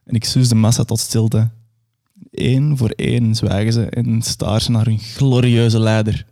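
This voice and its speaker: A man's voice: mid-range voice, little pitch movement, a little slow, mellow. A young man performing a grandiose, absurdist dramatic monologue.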